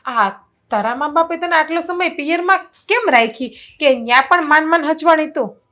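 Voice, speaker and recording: A woman's voice: high voice, normal speed, a bit bright. An actress playing an indignant elder daughter-in-law who scolds her lazy sister-in-law and complains to her mother-in-law. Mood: scolding. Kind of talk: Gujarati family stage drama.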